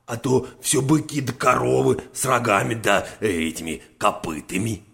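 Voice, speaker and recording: A man doing a gravelly greedy bear. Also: medium pitch, fairly even intonation, moderate pace. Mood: wheedling. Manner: blustering, demanding, shouts. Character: greedy gruff male bear, bossy and loud. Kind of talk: storybook narration.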